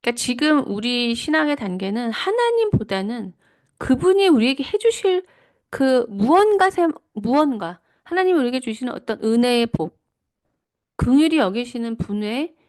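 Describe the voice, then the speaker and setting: A middle-aged woman speaks in a fairly high voice with a lively, rising and falling melody. She delivers a devotional teaching talk with earnest personal testimony. She often pauses to rephrase herself as she reflects. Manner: reflective, with frequent self-corrections.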